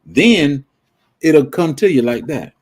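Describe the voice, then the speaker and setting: A man's voice: on the high side, animated, slow pace, darkish tone. A man on a podcast panel making blunt points and repeating them for emphasis. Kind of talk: casual panel chat.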